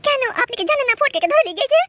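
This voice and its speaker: A woman voicing an anxious, indignant young daughter-in-law in a comic cartoon, shrill and pleading. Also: lively intonation, very fast, bright, forceful tone, no room sound, exaggerated voice.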